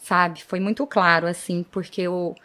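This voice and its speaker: A woman's voice: lowish voice, steady tone, unhurried, sharp tone. A woman, a police chief being interviewed, telling her story vividly and often speaking to the audience. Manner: vivid, dramatic retelling, often addresses the audience.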